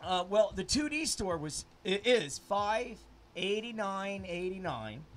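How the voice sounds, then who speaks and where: A man with a high-pitched voice rambles through an interview, crude and quick to laugh. Faint noise hums behind him. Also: very animated. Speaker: adult film producer. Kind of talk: casual interview chat.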